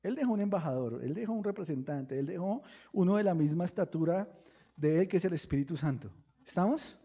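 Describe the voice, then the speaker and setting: A pastor preaching a sermon, firing questions at the congregation and breaking into sudden loud bursts. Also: male voice, on the high side, expressive, fairly quick, slightly rough, dull audio. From Colombia.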